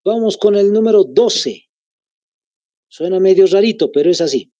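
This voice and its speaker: A man's voice: high-pitched, lively intonation, warm tone, no room sound, dull audio. Bolivian man dictating a grammar lesson. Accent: Bolivian Spanish. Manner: repeats phrases slowly for note-taking. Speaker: teacher.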